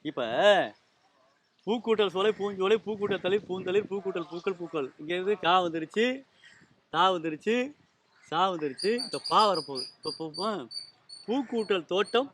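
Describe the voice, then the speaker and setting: A man's voice: high voice, moderate pace, long pauses, a bit bright, slight background noise. A man teaching language and spelling rules to a small group, patient and explanatory, often checking with questions. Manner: patient, quizzes listeners with repeated questions.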